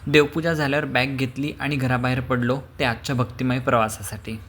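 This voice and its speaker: A man narrating his travel vlog as a calm, even tour guide, with occasional hesitant fillers. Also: medium pitch, fairly quick. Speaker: vlogger.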